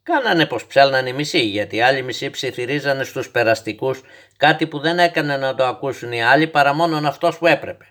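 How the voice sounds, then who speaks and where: A man voicing a fanciful, stubborn old grandfather who calmly tells a child tall tales in a storybook reading. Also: mid-range voice, close to an everyday voice. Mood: patient. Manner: calm, gently instructive, tall-tale telling.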